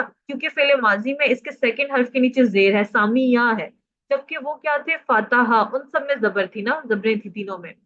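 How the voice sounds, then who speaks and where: A woman's voice: on the high side, fairly bright tone. A woman teaching a classroom grammar lesson. She drills verb conjugations, prompts her students for answers and praises them when they get it right. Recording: muffled lo-fi audio.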